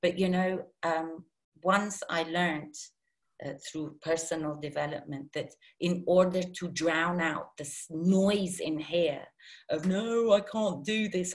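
A woman who grew up in Iran, a guest talking casually and animatedly with many restarts. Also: on the low side. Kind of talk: casual interview talk.

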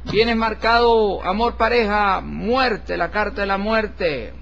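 A man reading a tarot horoscope in a solemn, slow and formal way, addressing the listener with respect. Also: high voice, vocal fry, fairly bright tone. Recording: dull lo-fi recording with faint hiss.

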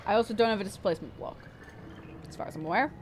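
A woman's voice: mid-range voice, racing, noisy background. A woman livestreaming a game in a cute, bubbly anime-streamer way, chatting casually and repeating phrases to herself.

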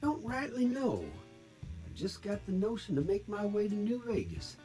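A man's voice: sits high, wildly swooping pitch, normal speed, mellow. A man voicing a friendly cowboy robot in a video game, with a Western US cowboy drawl and folksy, easygoing sayings. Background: game music.

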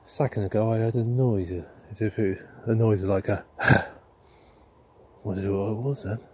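A man hosting a ghost-hunting vlog outdoors in a churchyard, talking softly to spirits and musing aloud with questions. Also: on the low side, steady tone, normal speed, slightly rough. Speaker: paranormal investigator host.

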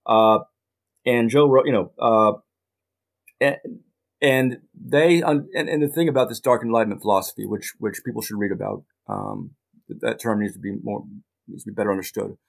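A middle-aged man, a journalist guest in a casual interview, talking in halting bursts with many restarts and dry asides. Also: on the low side, lively intonation, creaky.

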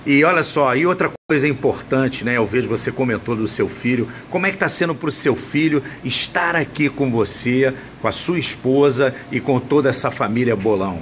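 A man's voice: medium pitch, normal speed, hardly any pauses. A Brazilian man asking questions as a casual interviewer, recorded with some noise behind him. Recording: noticeable background noise.

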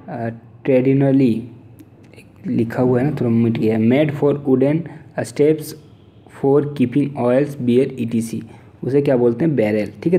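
A man with an Indian accent teaching an exam-prep vocabulary lesson. He reads English definitions out slowly, then explains them in Hindi and keeps checking in with "theek hai". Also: mid-range voice, gravelly, mellow.

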